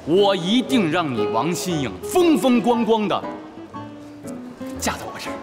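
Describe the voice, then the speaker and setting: A showy young groom brags. His voice sits high and swings widely. A long hall reverb and clear music run under the drama scene. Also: very animated, a little slow. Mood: swaggering. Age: young adult. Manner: boastful, showy, exclaiming. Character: boastful young groom showing off. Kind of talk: TV drama acting.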